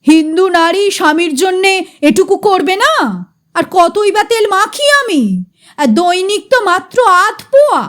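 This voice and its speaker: A woman's voice: high-pitched, big pitch swings, measured pace. A woman voicing a fussy, vain middle-aged man in a funny story, grumbling and tacking on questions. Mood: proud.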